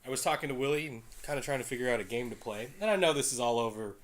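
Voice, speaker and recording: A man's voice: mid-range voice, racing. Laid-back teasing man hosting a game. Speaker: host playing a video game. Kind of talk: casual gaming chat.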